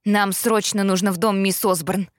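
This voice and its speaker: A woman's voice: mid-range voice, fairly even intonation, normal speed, dry recording, clean studio sound, natural voice. A woman voicing a drained, urgent young medium. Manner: strained, urgent. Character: young man, medium, drained after contacting spirits.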